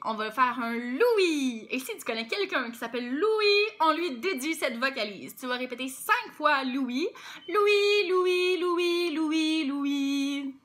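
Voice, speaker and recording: A young woman with a Québécois French accent teaching a playful vocal warm-up lesson, demonstrating sounds as she explains. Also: high voice. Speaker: singing teacher.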